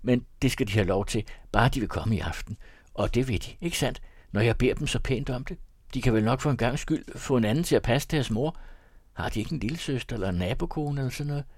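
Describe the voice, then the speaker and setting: A man's voice: mid-range voice, no echo, lightly acted. A man reading an audiobook, voicing an eager young male student who pleads and insists. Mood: pleading.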